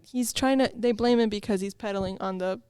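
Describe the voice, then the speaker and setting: A woman's voice: mid-range voice, fairly even intonation, a little fast, dark tone, slight background noise. A woman co-hosting a podcast, asking pointed questions and arguing her view. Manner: questioning, argumentative. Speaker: podcast co-host. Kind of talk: casual chat.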